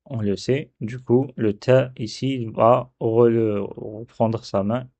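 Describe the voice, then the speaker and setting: Slow, patient male teacher. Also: medium pitch, steady tone, dark tone. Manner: slow, repeats syllables aloud. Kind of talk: step-by-step lesson on writing Arabic letters.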